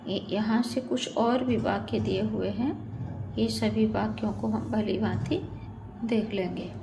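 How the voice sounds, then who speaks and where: A woman's voice: medium pitch, fairly even intonation, a little slow, creaky, background noise. A woman teaching Hindi grammar in a methodical way, reading each sentence and then correcting it. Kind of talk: online exam-prep lesson.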